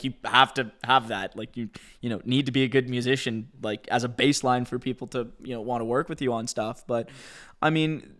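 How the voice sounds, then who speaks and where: A man's voice: medium pitch, a bit bright. Guy hosting a podcast, easy conversational chat, lots of likes and you knows. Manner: conversational, many "like" and "you know" fillers. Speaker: podcast host. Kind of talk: casual interview talk.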